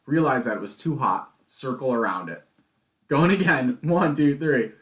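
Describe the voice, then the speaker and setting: A man's voice: medium pitch, expressive, normal speed, a bit bright. A man co-hosting a podcast, telling stories in casual chat with an exasperated, swearing manner. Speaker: podcast co-host. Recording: echoey room.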